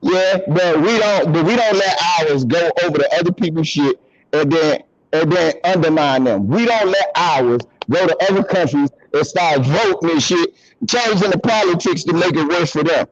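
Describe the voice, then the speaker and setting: Over a call, the host of a commentary channel leads a heated debate, speaking at normal speed through a muffled recording. He is emphatic and profane, cuts in to press his point, and his pitch jumps when he gets worked up.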